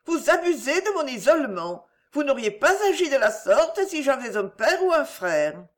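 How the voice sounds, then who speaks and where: A woman's voice: a little high, very animated, measured pace, pitched above the performer's own voice. A woman voicing a shy, troubled young woman torn by love, speaking with restrained, trembling earnestness in a storybook reading. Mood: emotional.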